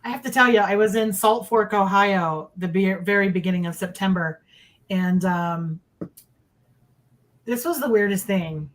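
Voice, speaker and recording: A woman's voice: mid-range voice, a little slow. A middle-aged woman tells a personal story in a casual, conversational way. She is emphatic and repeats phrases for effect. She speaks from indoors over a video call. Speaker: guest recounting sightings.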